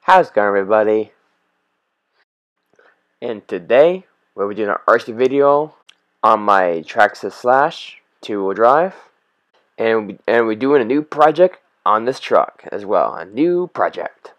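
A man's voice: on the low side, animated, unhurried. A young man chatting casually in a hobby vlog, muffled through a costume head, rambling and repeating his words. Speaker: RC hobby vlogger.

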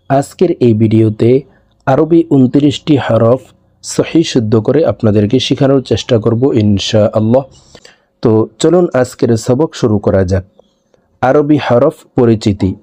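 A mellow, slightly slow man of medium pitch teaches the Arabic letters as a Quran teacher. Working step by step through a slow recitation lesson, he voices each letter twice before spelling and explaining it.

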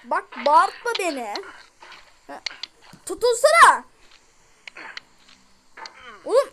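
High-pitched frustrated girl gamer, noisy recording. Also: expressive, slow. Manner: frustrated, exclaiming at the game. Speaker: gameplay streamer. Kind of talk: let's play commentary.

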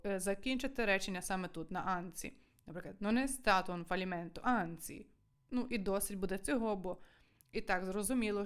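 A woman teaching an online language lesson, chatty and acting out lively examples as she explains. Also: medium pitch, smooth.

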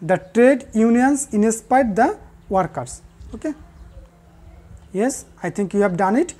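A woman teaching a class, repeating the key answers and pausing with fillers. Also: on the high side, lively intonation, dark tone. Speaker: English teacher. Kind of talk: recorded classroom lesson.

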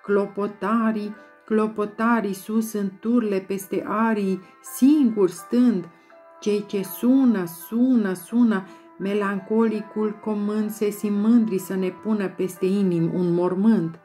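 Woman reciting poetry over soft music. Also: medium pitch, steady tone. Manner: rhythmic, incantatory reading with repeated words. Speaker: volunteer poetry reader. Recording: soft music bed behind voice.

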